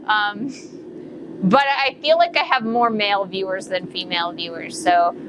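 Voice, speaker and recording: Working at her forge during a live stream, a woman in her late thirties talks casually, meandering through fillers and correcting herself often. She speaks a little slowly in a mid-range voice, with background noise in the workshop.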